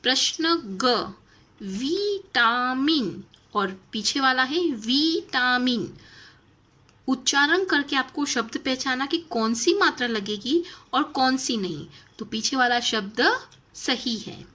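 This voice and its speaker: Slow, husky-voiced woman teaching children. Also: sits high, lively intonation, sharp tone. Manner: drawn-out word readings with teacherly questions. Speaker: primary school Hindi teacher. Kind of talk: slow, clearly enunciated lesson for young children.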